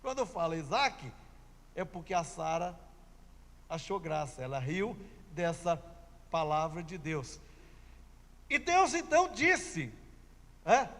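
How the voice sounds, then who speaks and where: A man's voice: on the high side, big pitch swings, slow, pauses often, fairly bright tone, in a large hall. A man preaching a sermon, telling a scripture story emphatically and repeating key phrases.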